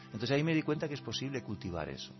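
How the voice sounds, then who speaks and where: A man's voice: mid-range voice, sing-song, racing, highs cut off, music in the background. A man giving a reflective talk on meditation, telling personal stories and acting out his quoted thoughts, often laughing. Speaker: meditation speaker.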